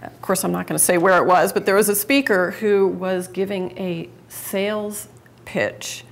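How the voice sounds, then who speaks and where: A woman with a mid-range, gravelly voice and fairly even intonation gives a live public speaking talk at normal speed, with slight background noise. She is chatty and conversational with the audience, frequently restarting and correcting herself mid-sentence.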